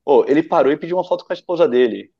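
Guesting on a podcast, a Brazilian running-event photographer rambles enthusiastically through stories in casual conversation, his accent Brazilian Portuguese. His voice is on the high side, creaky with a breathy edge, expressive and very fast, captured in dull lo-fi sound.

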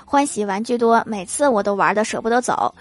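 A fairly high, fairly quick voice belongs to a lively woman telling jokes as a podcast host. Her comic storytelling includes acted-out quotes and laughing asides after punchlines, set against faint background music.

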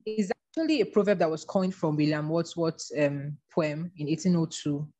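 A woman guest in an interview, talking in an earnest, measured way about her past and her faith. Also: deep voice, mellow. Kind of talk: reflective interview talk.

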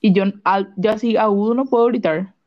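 A woman's voice: medium pitch, a little fast, muffled recording. A young woman co-hosting a casual podcast chat, loose and slangy with fillers. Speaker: podcast co-host.

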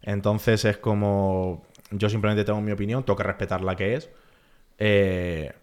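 A man, chatting casually as a podcast guest in an animated, filler-heavy way. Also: lowish voice. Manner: animated, talks fast with lots of filler phrases. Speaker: guest, freestyle rapper.

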